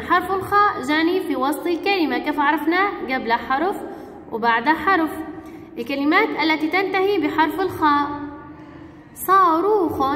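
A woman teaching young children the alphabet, speaking slowly and patiently and repeating each word. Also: sits high, fairly bright tone, a little hiss or hum. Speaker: kindergarten teacher. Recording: echoey room with long reverb.

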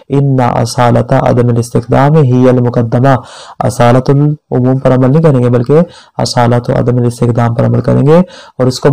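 A man's voice: medium pitch, gravelly, warm tone, rough recording. A male seminary teacher giving a religious law lecture, reading Arabic passages and explaining each one by asking and answering his own questions. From Pakistan. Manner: reads Arabic text then explains it, asking himself questions.

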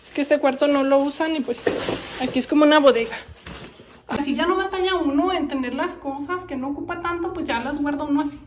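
A woman's voice: high-pitched, fairly bright tone, a little hiss or hum. A young Mexican woman with a Mexican accent, chatting casually to her followers and telling stories with frequent laughs. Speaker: vlogger. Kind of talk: casual chat.

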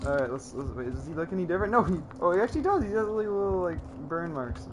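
A young man giving casual, slangy gameplay commentary, excitable and full of playful mock bravado. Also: high-pitched, racing, noisy background. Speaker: let's play gamer. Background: video game music and sounds.

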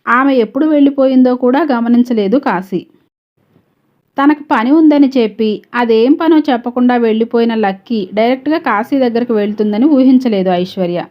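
A woman narrating a serialized story in a steady, measured reading manner. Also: a little high, lo-fi sound.

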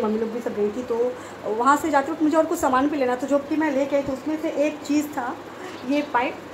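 Fast-talking Bengali-accented woman vlogger. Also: sits high, background noise. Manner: fast-talking, chatty, frequent fillers. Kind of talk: casual vlog to camera. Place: at home, hot room with fan running.

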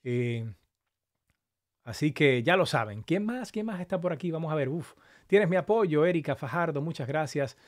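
A man hosting a casual live stream, a little hoarse from long talking, greeting viewers affectionately by name. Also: a little high, lively intonation, normal speed. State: slightly hoarse after an hour of talking.

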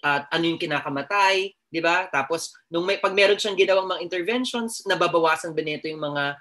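A man's voice: a little high, fairly quick, bright, forceful tone. A Filipino man giving a chatty, joking nursing lecture, mixing Tagalog and English and constantly addressing his class.

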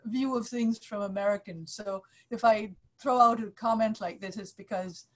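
A woman's voice: medium pitch, steady tone, normal speed. A woman from Malaysia commenting earnestly in an online class, speaking in restarts. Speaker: class participant.

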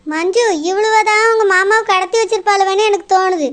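A woman's voice: very high voice, steady tone, fairly quick, a bit bright. A woman doing a bossy, accusing village woman. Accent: Kanyakumari Tamil. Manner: accusing, scolding. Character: young village woman Radha, suspicious and bossy.

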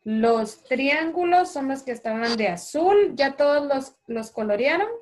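Woman primary teacher, Honduran Spanish accent, slightly high, unhurried, patient, online class. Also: lively intonation. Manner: patient, slow and clear, calls children by name. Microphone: video call.

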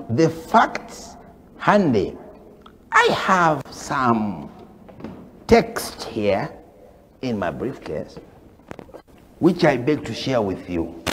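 A man preaching a religious lecture, swinging from loud proclamations to hushed whispers. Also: deep voice, big-room sound, slight background noise. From Uganda. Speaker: Islamic preacher.

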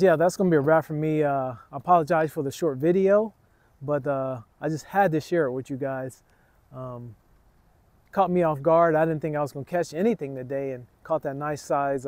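A middle-aged man with a fairly high-pitched voice, recorded with no echo, hosts an outdoor fishing vlog from a waterfront dock. He's chatty and talks to his viewers as "guys." The camera stands on a tripod but is sometimes held selfie-style.

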